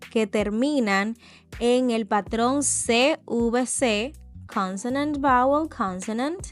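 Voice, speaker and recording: A female English teacher gives a slow, explanatory grammar lesson, her voice sitting a little high. She says example words twice and spells out patterns letter by letter, with soft music faintly in the background.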